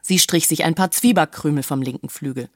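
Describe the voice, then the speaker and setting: A woman narrating a children's storybook with expressive, storyteller's phrasing. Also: sits low, a little fast, no echo, studio quality.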